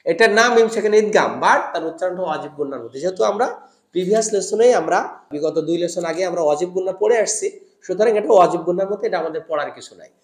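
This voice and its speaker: A man teaching Quran recitation rules to teachers, explaining patiently and drawing out example words in slow chant. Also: sits high, reverberant. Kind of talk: tajweed lesson for teachers.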